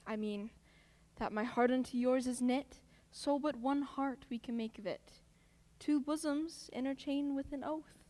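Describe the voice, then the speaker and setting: An eager, teasing young man in love, with a bright, high voice that leaps up and down, as a woman plays him on a school stage. The sound is dry and close. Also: measured pace, no room sound. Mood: tender. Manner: sweeping pitch swings, laughing through lines. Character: young male lover Lysander, ardent and playful.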